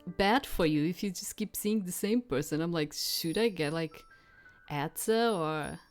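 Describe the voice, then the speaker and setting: A woman with a fairly low, darkish voice reads story text from a visual novel during a let's play. She comments casually in a hesitant, thinking-aloud way while game music plays beneath her voice.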